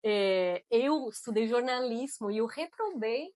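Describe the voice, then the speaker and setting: Woman, Chilean Spanish accent, slightly high voice, casual educational chat, teacher co-host. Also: animated, measured pace, darkish tone. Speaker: German teacher and channel co-host.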